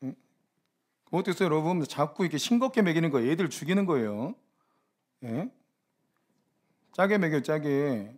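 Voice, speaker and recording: A man delivers a sermon with a high-pitched voice that swings up and down all over. He keeps firing rhetorical questions at his listeners and slips into joking asides. The tone stays playful and needling. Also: normal speed, pauses often. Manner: lively, teasing preaching with rhetorical questions to the congregation. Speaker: pastor.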